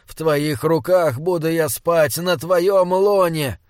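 A frightened warrior, read by a male narrator, prays in a hushed, fervent voice. The sound is dry and close-miked, with a slightly high pitch. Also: slow pace, dry recording. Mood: fearful prayer. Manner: fervent, fearful prayer.

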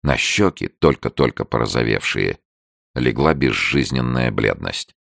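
In classic audiobook style, a man reads a story aloud with a very deep, heavily gravelly voice. His delivery is steady and measured, and the sound is dry and close with no echo.

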